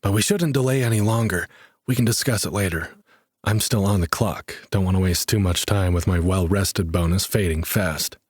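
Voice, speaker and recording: Man voicing a brisk young adventurer. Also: deep voice, husky, dry recording, studio quality.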